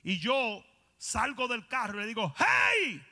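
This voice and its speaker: A man preaching a confrontational sermon with a high, bright, forceful voice. His words ring out with a long reverb tail, as in a big church hall. He presses his listeners directly and does not soften his words. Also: normal speed. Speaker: pastor.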